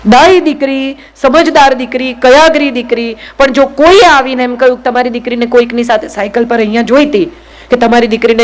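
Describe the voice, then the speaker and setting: Speaking straight to her listeners and peppering them with questions, a woman from Gujarat, India delivers a motivational speech. Her pitch is fairly high, and the recording is rough.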